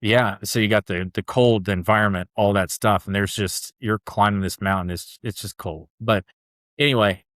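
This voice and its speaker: A man's voice: on the low side, steady tone, normal speed, fairly bright tone, no echo, clean studio sound. A man as a podcast guest, telling a personal story in a loose, chatty way full of "like" and "dude". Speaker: podcast guest, ultra runner. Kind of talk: casual storytelling interview.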